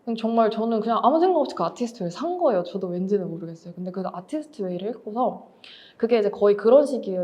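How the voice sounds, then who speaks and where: Fast-talking woman, mellow voice. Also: medium pitch. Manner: candid, reflective, explains with everyday examples. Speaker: author and writing teacher. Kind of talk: lecture talk.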